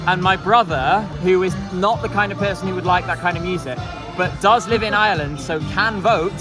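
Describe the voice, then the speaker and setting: A man's voice: sits high, fairly quick. A man vlogging casually at a live event, exclaiming in disbelief at the results. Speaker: Eurovision vlogger. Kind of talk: excited casual commentary. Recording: loud crowd and music around.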